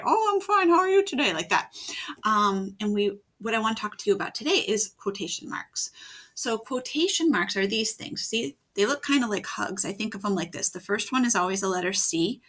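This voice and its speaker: A woman teacher giving a video writing lesson for children, explaining slowly and patiently step by step. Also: medium pitch, a bit bright.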